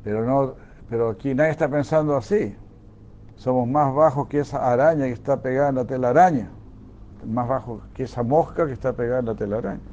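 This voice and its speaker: A man delivers a sermon in a mellow, relaxed voice. He tells stories and repeats phrases for emphasis. The recording sounds dull and lo-fi, with faint noise behind it. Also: medium pitch, brisk. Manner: storytelling, emphatic repetition. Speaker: preacher.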